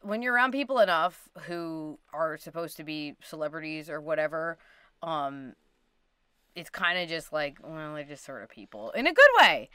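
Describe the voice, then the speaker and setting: A woman's voice: deep voice, expressive, moderate pace, pushed and bright, smooth, no echo, clean studio sound. A woman co-hosting a casual livestream chat, talking informally with lots of "like" as she reads out audience questions. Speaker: co-host reading audience questions.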